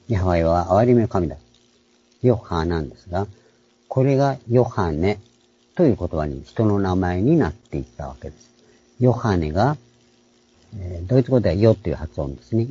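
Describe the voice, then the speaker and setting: Husky, very dark-voiced man teaching Bible lessons. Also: sits low, muffled recording. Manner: unhurried explaining, frequent throat clearing. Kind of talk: online Bible lecture.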